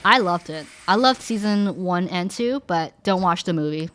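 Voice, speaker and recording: A young woman streaming, chatting casually with viewers in an animated way, filling her talk with "like" and restarting her sentences. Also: lowish voice, moderate pace. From Canada.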